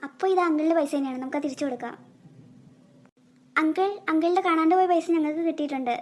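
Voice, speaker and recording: A woman's voice: sits high, fast, darkish tone, natural voice. A woman voicing a caring older girl, a big sister, in a cartoon, kindly and questioning. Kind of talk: cartoon voice acting.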